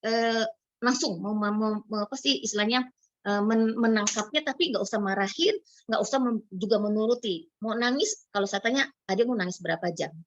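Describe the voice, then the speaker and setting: A woman psychologist talks through child development over a video call, bringing it to life by acting out parents and kids in quick quoted lines. Her voice sits fairly high and close, with a dry sound. The call audio is dull and lo-fi. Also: no echo. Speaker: psychologist speaker. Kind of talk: explaining child psychology in an online talk.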